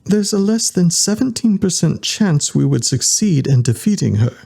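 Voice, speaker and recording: Man voicing a formal male robot, measured and exact, slightly raised pitch, gravelly. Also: very animated, warm tone, exaggerated voice. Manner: formal, measured, strange electronic tone. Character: polite, precise male robot.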